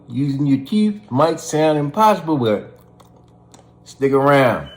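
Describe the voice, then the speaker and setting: An American man hosting a casual how-to vlog, chatting in a folksy, colloquial way. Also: mid-range voice. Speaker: video host.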